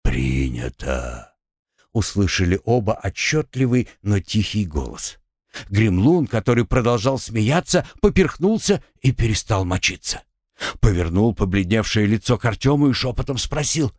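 A man narrating a fiction audiobook with expressive storytelling. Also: fairly low pitch, normal speed, no room sound, clean studio sound. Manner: expressive storytelling with acted dialogue.

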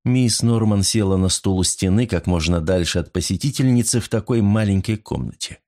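A man's voice: fairly low pitch, brisk, darkish tone. Man reading a novel aloud. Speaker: narrator. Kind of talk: audiobook narration.

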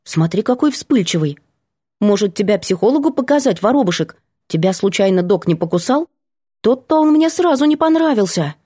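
A woman's voice: medium pitch, expressive, normal speed, warm tone, husky, no room sound, clean studio sound. A woman doing a bubbly cheeky young student girl. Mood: indignant. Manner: gushing, teasing.

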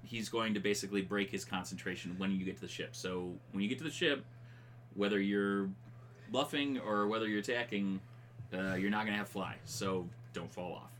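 Male game master, casual table narration, slightly deep with a sharp edge. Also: steady tone, fairly quick. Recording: faint room noise.

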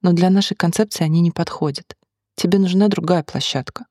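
An audiobook reader voicing a brash, curious male bar manager who keeps needling his drinking friend, in a husky voice. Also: mid-range voice, brisk, dark tone, dry recording, studio quality, lightly acted. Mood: teasing.

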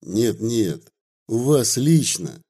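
A man's voice: medium pitch, sing-song, takes it slowly, mellow, husky, exaggerated voice. A man reading aloud and voicing a courteous, questioning official from the city. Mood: polite. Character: polite bespectacled city official, earnest.

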